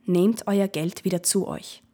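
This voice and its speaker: A woman's voice: fairly low pitch, measured pace, warm tone, breathy edge. A woman voicing a tired, patient old ferryman in a fairy tale, speaking in an earnest, pleading way. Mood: alarmed. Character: weary old male ferryman, patient but stern.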